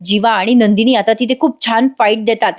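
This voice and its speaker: A woman tells the story of a TV serial episode in a chatty voice-over, often turning to address her viewers. Her voice sits a little high for a woman. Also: steady tone, brisk. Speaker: TV serial reviewer.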